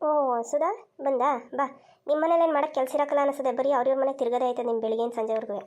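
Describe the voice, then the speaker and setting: A woman's voice: sits high, steady tone, racing, a little mellow, close to an everyday voice. A woman voicing a nagging older village mother-in-law in a cartoon, complaining and scolding in rustic speech. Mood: grumbling. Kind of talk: cartoon voice acting.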